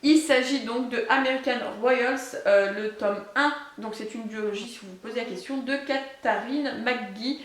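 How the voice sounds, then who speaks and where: A woman's voice: a little high, normal speed, few pauses. Chatty French woman in an echoey room. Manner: chatty, many hesitations. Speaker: book vlogger. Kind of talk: casual book haul chat.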